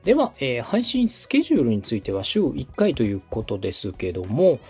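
A man's voice: medium pitch, huge pitch swings, fairly quick, a little mellow, husky, faint music behind. A man from Osaka speaking as a podcast host, giving polite, organized step-by-step advice in a conversational way. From Osaka, Japan. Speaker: podcast host and radio director advising a beginner.

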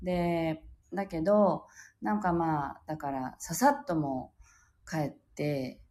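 A woman's voice: deep voice, steady tone, unhurried, mellow. A woman in her thirties hosting a live stream, telling a personal story in a chatty, emotional way and laughing often. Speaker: livestream host. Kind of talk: casual live-stream monologue.

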